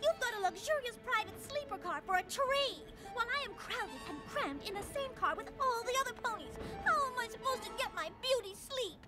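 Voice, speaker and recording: A woman's voice: very high voice, expressive, fairly quick, few pauses, loud music behind the voice. A woman voicing a prim, fashion-minded young unicorn mare who complains in a theatrical, haughty way, in a cartoon. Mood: huffy. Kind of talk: cartoon voice acting.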